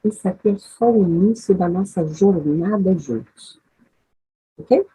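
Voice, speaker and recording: A woman's voice: on the low side, a little slow, warm tone, slightly rough, poor audio. A woman teaching an English lesson, patient and repetitive, checking in with her students after each step. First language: Portuguese. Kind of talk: slow, patient classroom lesson.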